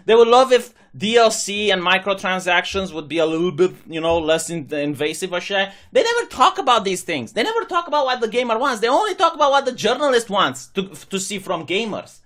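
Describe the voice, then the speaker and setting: A man's voice: sits high, lively intonation, a little fast, hardly any pauses, a bit bright. A young man from Romania, a channel host, giving sarcastic opinion commentary. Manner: sarcastic, mocking imitations of critics.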